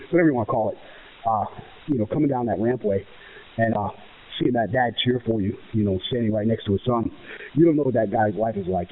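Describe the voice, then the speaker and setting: An American man, a professional wrestler giving interview answers in an emphatic, self-assured way, repeating phrases in runs. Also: on the low side. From United States. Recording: muffled, narrow phone-like radio sound.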